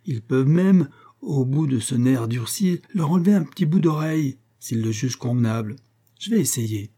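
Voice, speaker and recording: A man voicing a boastful, stubborn corporal who has had a bit too much to drink, with loud, blustering exclamations in a storybook reading. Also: medium pitch, animated, moderate pace, lightly acted.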